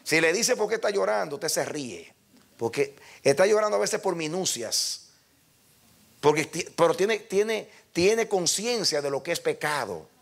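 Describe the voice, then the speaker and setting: A man's voice: fairly high pitch, expressive, unhurried, creaky, a bit bright. An older male pastor preaching a sermon, emphatic and speaking directly to his congregation.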